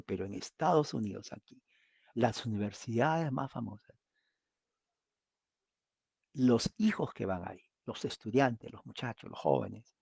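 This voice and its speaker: A man's voice: medium pitch, creaky, darkish tone, slightly rough, dry recording. A man preaching a conversational Bible study, often asking his listeners questions. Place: United States.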